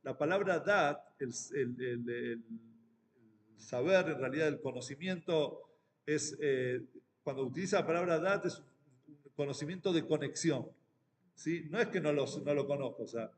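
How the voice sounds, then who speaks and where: A rabbi with an Argentine accent giving a Torah class, talking in a halting way with many restarts and fillers. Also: male voice, on the high side, big-room sound. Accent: Argentine Spanish.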